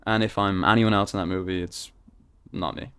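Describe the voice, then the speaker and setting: A man's voice: low voice, fairly even intonation, fairly quick, fairly bright tone, clean tone. A man in his twenties, a podcast guest chatting casually, laid-back and laughing, trailing off with fillers. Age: 20s. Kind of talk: casual chat.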